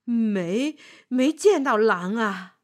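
A woman's voice: high voice, big pitch swings, measured pace, slightly rough, full character voice. A woman voicing a kind, timid male scholar in a storybook, flustered and stammering.

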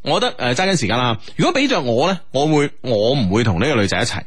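A man's voice: mid-range voice, sing-song, rapid-fire, slightly rough. A man hosting a casual radio advice chat in Cantonese, talking colloquially with frequent tags and emphatic particles. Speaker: radio host.

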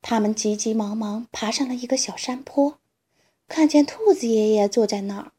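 A woman reading a children's story aloud in a slow, gentle storytelling manner. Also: fairly high pitch, slightly rough.

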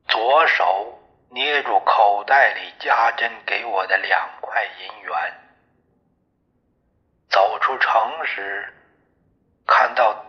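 A man narrating a novel in the first person, in a measured storytelling manner. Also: on the low side, lo-fi sound. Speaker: audiobook narrator.

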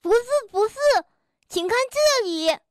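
A woman's voice: very high-pitched, animated, a little slow, no echo, clean studio sound, voice pushed up. Woman playing a jolly beaver dentist. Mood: explaining. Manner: bouncy, beaming, rhyming patter. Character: cheerful male beaver dentist, proud, playful. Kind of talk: children's storybook reading.

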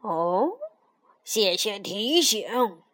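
Fierce dim snapping turtle, gruff low drawl, by a woman, storybook. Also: lively intonation, very slow, a bit bright. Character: fierce hungry snapping turtle, slow-witted.

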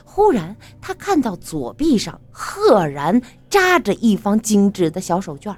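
A woman narrating a ghostly story in a dramatic, expressive way. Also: medium pitch, measured pace.

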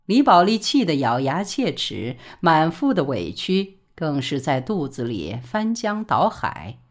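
A woman narrating a novel audiobook in an expressive, dramatic storytelling manner. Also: sits low, a little slow.

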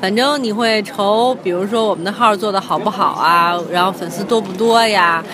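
A woman's voice: mid-range voice, normal speed, noisy background. A young woman with a Beijing accent talking casually as a podcast co-host. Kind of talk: casual chat.

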